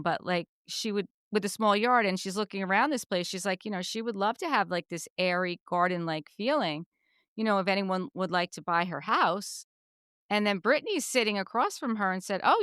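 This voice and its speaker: A woman's voice: medium pitch, a little fast, a bit bright, clear, resonant tone, no echo, clean studio sound. A woman hosting a podcast, chatting casually and retelling reality TV scenes. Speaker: podcast host. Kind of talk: casual recap chat.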